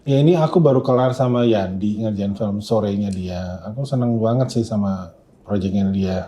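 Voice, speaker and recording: Soft-spoken, modest Indonesian man. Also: on the low side, normal speed. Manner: modest, soft-spoken, clears throat often. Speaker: film sound mixer guest. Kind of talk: casual interview chat.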